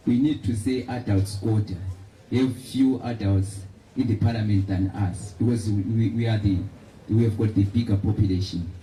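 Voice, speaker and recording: A young man speaks as a youth panelist, often repeating words as he builds his points. His voice is low and very dark. He is recorded from a distance in an echoing hall. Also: slight background noise. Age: young adult. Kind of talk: panel discussion remarks. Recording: echoey hall from far off.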